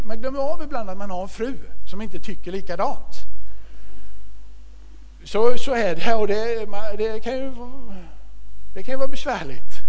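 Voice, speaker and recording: A middle-aged man preaching a sermon, telling a personal story in an animated way and acting out the voices of the people in it. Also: sits high. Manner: animated storytelling, acts out quotes. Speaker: pastor.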